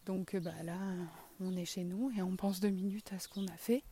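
Woman, southwest French accent, mellow warm tone, candid self-deprecating podcast talk, walking outdoors in a garden. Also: medium pitch, fairly even intonation, moderate pace, slight background noise. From southwest France. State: walking while talking. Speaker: podcast host. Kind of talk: casual solo podcast monologue.

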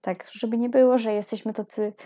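A woman's voice: a little high, steady tone, a little fast, mellow. A young woman co-hosting a casual true-crime podcast, playful and laughing often. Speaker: podcast co-host.

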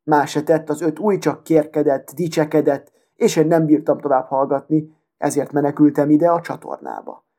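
Storybook figure: a conceited lady needle, full of airs, proud and affected, with a fairly high but mellow voice, read by a man. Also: fairly even intonation, close to an everyday voice. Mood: boastful. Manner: proud, self-important, affected. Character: vain haughty female sewing needle.

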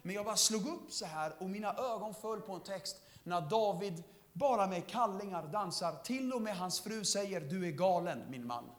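A young man giving a lively testimony sermon, laughing often and calling out to the congregation. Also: high voice. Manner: lively storytelling, laughing often, shouts to the crowd. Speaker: preacher.

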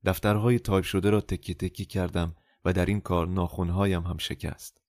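A man narrating a novel as an audiobook in a measured, calm first-person storytelling manner. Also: low-pitched, dry recording, studio quality.

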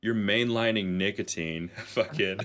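A man's voice: fairly low pitch, unhurried, fairly bright tone. A man co-hosting a comedy podcast, rambling through a profane, laughing story. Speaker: podcast co-host.

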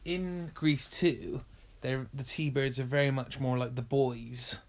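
A woman co-hosting a casual film review chat, narrating the scenes with relaxed, dry asides. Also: rumbling low, slow. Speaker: podcast co-host.

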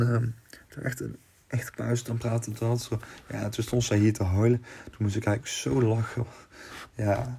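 A man's voice: medium pitch, vocal fry, mellow. A young man hosting a podcast, telling personal stories casually, rambling and restarting sentences, with casual swearing. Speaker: podcast host.

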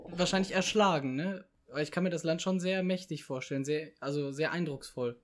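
A man with a notably high voice, chatting casually. He quizzes his friend in a teasing, playful way and prods him with follow-up questions. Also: a little fast, slight background noise. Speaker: podcast co-host, quiz asker. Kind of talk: casual chat.

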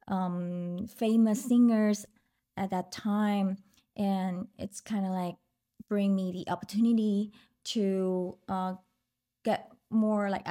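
A woman's voice: mid-range voice, dark tone. A young woman from Vietnam with a Vietnamese accent, talking as a podcast guest in a hesitant, filler-heavy way. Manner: hesitant, many fillers, laughs lightly. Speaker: guest singer. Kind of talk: casual interview chat.

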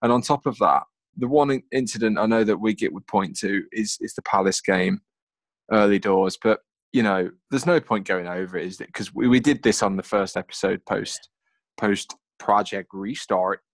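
A man's voice: fairly low pitch, moderate pace, no echo, clean studio sound. A man co-hosting a casual football podcast, chatty and self-mocking. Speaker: podcast co-host.

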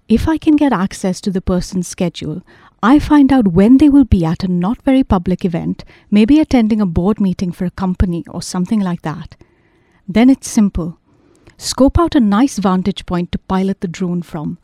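A woman reading a wry, worn-out young man in an audiobook, speaking in a calm, dry, matter-of-fact way. The voice is mellow and dark, recorded close and dead dry with no room sound. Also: high voice, moderate pace, no echo.

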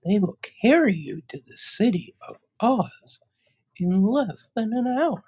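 A woman voicing a tiny, kindly mouse queen in a squeaky little voice. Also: animated, slow pace, dark tone, slightly rough, full character voice.

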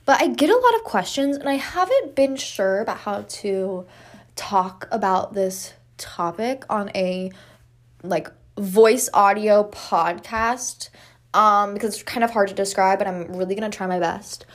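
A woman's voice: mid-range voice, lively intonation, unhurried. A woman hosting a solo podcast in casual, candid, sweary chat, recorded in an echoing bathroom. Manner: informal, candid, peppered with swearing. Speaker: podcast host.

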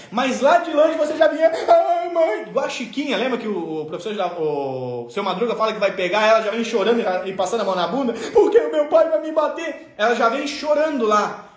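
A man's voice: very high-pitched, fairly bright tone, a little hiss or hum. A man from Rio Grande do Sul with a southern Brazilian accent giving an emphatic, playful motivational talk. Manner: emphatic, playful, acts out examples. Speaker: motivational speaker. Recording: echoey room.

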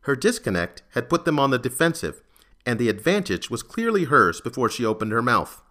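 A man narrating a serialized crime story in a measured, steady scripted reading. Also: medium pitch.

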